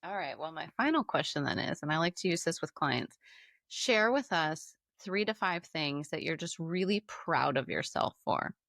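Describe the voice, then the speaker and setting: A woman's voice: low-pitched, expressive, moderate pace, creaky, fairly bright tone, no room sound, clean studio sound. A woman in her forties, a life coach, talking on a podcast in an enthusiastic, affirming way. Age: 40s. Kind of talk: casual conversation.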